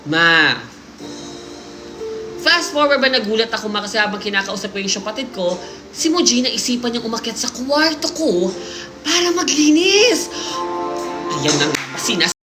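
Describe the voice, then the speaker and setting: A woman hosting a live stream, reading listener stories aloud in lively mixed Tagalog and English, with jokes and asides. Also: mid-range voice, moderate pace. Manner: animated storytelling, Taglish, jokes and asides. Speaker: livestream host. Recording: roomy sound with music playing behind.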